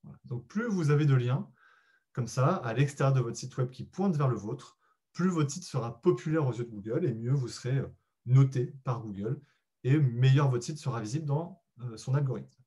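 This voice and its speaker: A man presents a live SEO webinar in a warm, relaxed, medium-pitched voice with a breathy edge. He explains things patiently, hesitating often to find his words, and speaks to listeners directly and politely.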